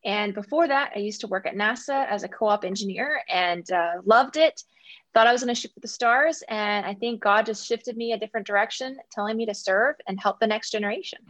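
A woman's voice: medium pitch, fairly quick, fairly bright tone, dry recording. Enthusiastic woman guest, dry sound. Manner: enthusiastic, earnest. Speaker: guest, math coach. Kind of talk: casual interview talk.

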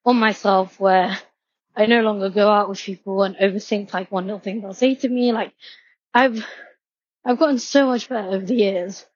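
Her voice sits in the mid range with a husky edge, captured in lo-fi sound with no room echo. She's a vlogger in her twenties, walking home outdoors from a station, winded and rambling with plenty of "like" thrown in.

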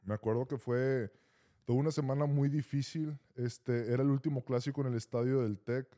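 Brief: Mexican man, co-host, animated storyteller, mid-pitched, casual slang. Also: a little fast. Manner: animated, slangy, says vato often. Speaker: podcast co-host.

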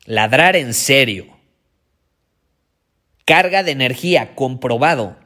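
A man's voice: lively intonation, takes it slowly, pushed and bright. Emphatic man coaching voice. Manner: emphatic, repeats key phrases, swings pitch and volume. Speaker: podcast host and voice coach. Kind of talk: energetic motivational podcast talk.

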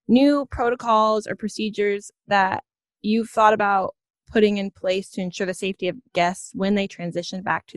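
A podcast host chats casually with her guest in an interview, encouraging and affirming throughout. Her voice is medium-pitched, with no echo.

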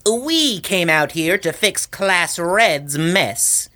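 Casting: snarky show-off boy mage, lowish and lively, faint music. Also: drawn-out words, heavily acted. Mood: smug. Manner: smug, snarky.

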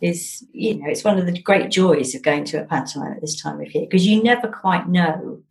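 A middle-aged woman with an English accent speaks at normal speed in a fairly low, creaky, slightly mellow voice. As an interview guest she's casual, jolly, and enthusiastic, chatting with lots of emphatic phrasing.

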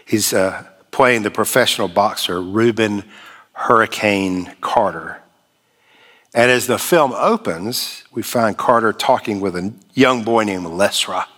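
A man preaching a sermon as pastor, measured and emphatic with long pauses. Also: on the low side, a bit bright.

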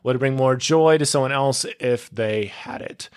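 A young man delivers a casual solo podcast monologue in a clean, medium-pitched voice at normal speed. He rambles, chases tangents, and says "like" and "dude" over and over.

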